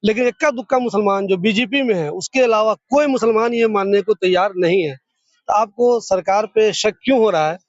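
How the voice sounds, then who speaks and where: A man's voice: sits high, normal speed, no echo. A man interviewing people on the street, putting probing questions. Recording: dull lo-fi sound.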